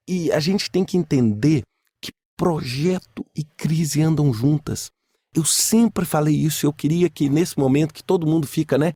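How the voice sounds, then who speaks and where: A man with a Brazilian accent hosts a solo podcast, giving informal, emphatic commentary full of repeated phrases and rhetorical questions. His voice is mellow and fairly high, his pace a little slow, and the recording has no echo.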